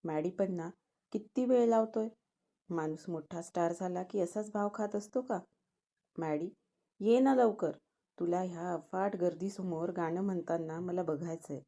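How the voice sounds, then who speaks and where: A woman's voice: fairly low pitch, measured pace, gravelly, warm tone. A woman reading a story aloud, voicing a dreamy, lovestruck young woman who talks eagerly to herself. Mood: eager, pleading. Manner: eager, girlish, talking to herself.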